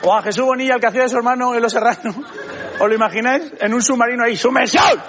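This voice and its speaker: A man's voice: very high voice, very fast, fairly bright tone, a faint crowd. A man doing a stand-up comedy monologue on stage, animatedly acting out both sides of dialogues. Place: comedy stage before a live audience. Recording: live audience laughter, noisy theatre.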